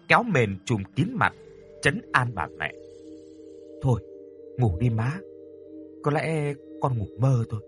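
A man narrating a ghost story in a scripted, expressive and dramatic storytelling style. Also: mid-range voice.

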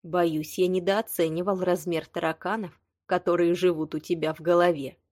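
A woman's voice: fairly low pitch, little pitch movement, moderate pace, dry recording, studio quality, lightly acted. A woman reading a blunt, hot-tempered young man. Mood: wry. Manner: blunt, sharp, exasperated. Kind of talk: audiobook dialogue reading.

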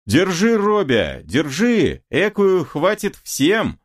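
A man voicing rowdy, coarse young men shouting in a brawl, in a novel reading. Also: high voice, wildly swooping pitch, takes it slowly, pitched above the performer's own voice, heavily acted.

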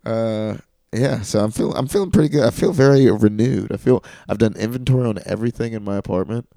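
A man's voice: lowish voice, fast, gravelly, mellow, no room sound. A young man co-hosting a podcast in casual, rambling chat, often restarting his sentences. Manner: laid-back, rambling, self-interrupting. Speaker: podcast co-host.

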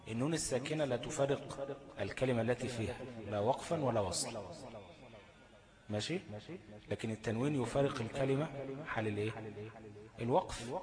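A man's voice: mid-range voice, moderate pace, pauses often. A man with an Egyptian accent teaching a tajweed lesson, asking the class questions, answering them himself and repeating the key terms. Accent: Egyptian Arabic. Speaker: Quran recitation teacher.

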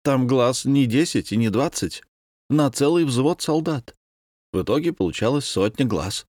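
A man's voice: medium pitch, animated, normal speed, a little mellow, no echo, studio quality, pitched above the performer's own voice, close to an everyday voice. A man reading a story, voicing an eager man who explains wonders of nature. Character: enthusiastic male explainer of insect wonders.

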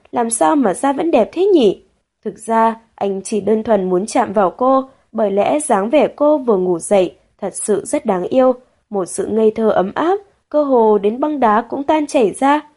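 A woman narrating a romance novel as an audiobook, in a steady, measured storytelling manner. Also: mid-range voice.

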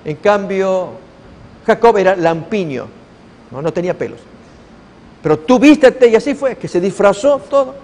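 A high-voiced man preaching a sermon, telling the story with animated, acted-out voices. His voice rings with a long reverb, as in a large hall. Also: moderate pace. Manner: animated storytelling, acting out the characters' lines.

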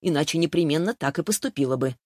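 A woman's voice: sits low, animated, fast talker, a little mellow, no room sound, studio quality. Woman doing a stern, firm middle-aged mother. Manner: firm, matter-of-fact. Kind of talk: audiobook character voice.

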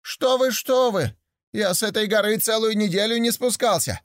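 A sly trickster hare, as a man puts him on for a storybook, speaking in a raised, high voice with smooth, mock-courteous politeness. The recording is close and dry. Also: moderate pace, no echo, natural voice. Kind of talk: storybook reading.

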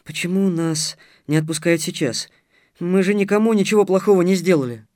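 A man's voice: sits high, a little mellow, no room sound, studio quality, voice pushed up, lightly acted. A man doing a trembling, eager young woman. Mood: eager, anxious. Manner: quick, trembling with feeling.

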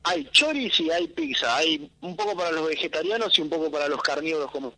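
A young man with a Rioplatense Argentine accent, heard over a speakerphone call as he gives a live field report from an outdoor event, talking in a relaxed, chatty way and leaning on fillers. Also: fairly high pitch, brisk, no room sound, low-quality recording. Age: young adult. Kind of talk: live phone-in report on a radio show. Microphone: mobile phone.

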